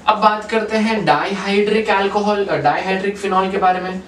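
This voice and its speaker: A man's voice: high voice, steady tone, normal speed, a bit bright. Man teaching chemistry in an echoey room. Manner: quizzes the class, mixes in English terms. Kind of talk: whiteboard lecture. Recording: echoey room, far from mic, faint noise.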